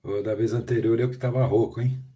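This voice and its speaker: A man co-hosting a live stream, giving brief, low-key replies. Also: steady tone, a little fast, mellow. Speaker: co-host.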